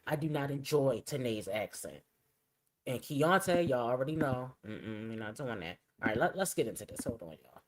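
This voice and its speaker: A low-pitched woman talks through a casual reaction video. She is chatty and opinionated, and she trails off into quiet asides while she fiddles with her screen. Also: animated, moderate pace, poor audio. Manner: chatty, opinionated, drops to a mutter while setting up clips. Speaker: commentary channel host.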